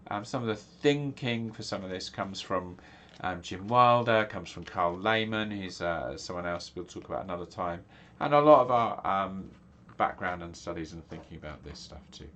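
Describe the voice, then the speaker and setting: A deep, expressive male voice, slightly bright, speaks at normal speed with few pauses. The speaker is a middle-aged English pastor talking casually to camera, his nasal, stuffy voice full of ums and restarts as he rambles.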